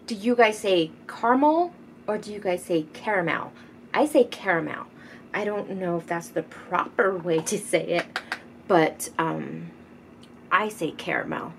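Slow-talking woman chatting over makeup. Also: fairly low pitch, poor audio. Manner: chatty, rambling, often drops to a soft murmur. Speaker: beauty vlogger. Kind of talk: casual makeup tutorial chat. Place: home. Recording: noticeable background noise. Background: teenager gaming loudly in the background.

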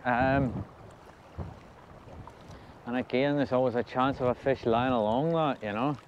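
A man with a Scottish accent giving casual, halting, low-key commentary as he fishes, thinking aloud. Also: fairly even intonation. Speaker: angler filming a fishing vlog. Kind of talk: casual unscripted commentary while fishing. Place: outdoors on a windy loch shore. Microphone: body-worn action camera. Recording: muffled, windy outdoor action-camera audio. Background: wind and water noise.

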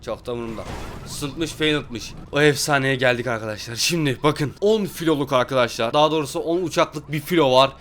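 A man's voice: mid-range voice, fairly quick, fairly bright tone, a little hiss or hum. A young man giving hyped, exclamatory commentary over gameplay, talking straight to his viewers. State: fasting. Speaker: gaming YouTuber.

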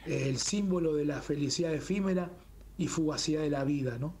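Enthusiastic Rioplatense man, slightly high voice. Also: brisk, crowd noise. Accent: Rioplatense Spanish. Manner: warm, enthusiastic, fond of rhetorical "¿no?". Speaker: guest, communications manager of a Japanese garden. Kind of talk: radio interview chat.

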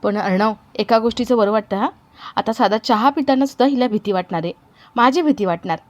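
A woman's voice: on the high side, fairly quick, darkish tone, lightly acted. A woman voicing a scheming, mocking young man in a retold family drama, speaking in a taunting way.

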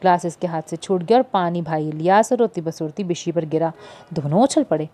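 A woman's voice: brisk, warm tone. A woman narrating a novel as an audiobook, lifting her voice for the characters' dialogue. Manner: shifts into higher, livelier voices for characters' dialogue. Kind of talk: reading a novel aloud, voicing characters.

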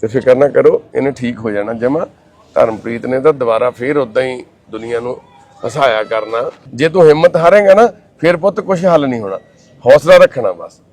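A man's voice: medium pitch, fairly quick. A man from a social service group, consoling a troubled young man and his mother, then explaining their situation to the camera in an informal, fatherly way. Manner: warm, reassuring, informal and fatherly.

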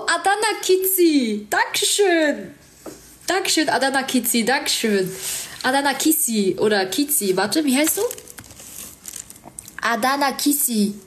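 A woman's voice: a little high, a little hiss or hum. A young woman chatting casually on a livestream with a stuffy nose, thanking viewers and giving them advice. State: stuffy nose, sore throat.

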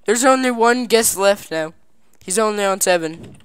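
A woman giving casual gameplay commentary at her computer, goofy and chatty, breaking into excited cheers, on a desk mic. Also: medium pitch, moderate pace, clean tone. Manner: excited squealing "yay" cheers and laughter; playful goofy broken phrasing. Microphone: desk microphone.

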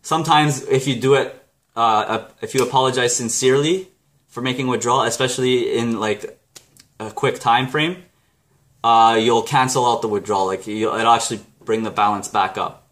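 A man's voice: medium pitch, fairly even intonation, moderate pace, fairly bright tone. A Canadian man explaining a self-help book chapter in a casual vlog, rambling and correcting himself as he goes. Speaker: book review vlogger.

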